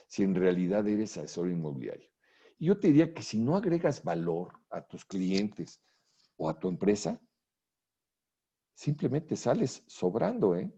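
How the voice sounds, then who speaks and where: A man's voice: lowish voice, warm tone, breathy edge, lo-fi sound. A man from Mexico, giving an earnest motivational talk at a real estate conference and speaking straight to the listener. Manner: earnest motivational lecturing, addresses listener directly. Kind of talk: conference presentation.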